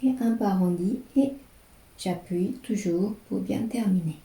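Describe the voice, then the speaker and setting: Woman slowly walking thru brush strokes, soft mellow voice, echoey room. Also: mid-range voice. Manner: slow, calm, describing each stroke as she writes. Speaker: calligraphy teacher. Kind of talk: step-by-step brush lesson.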